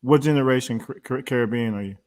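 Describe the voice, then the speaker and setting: A man's voice: mid-range voice, quick pace, a little mellow. A man on a debate panel, blunt and probing, firing off questions. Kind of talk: heated live debate.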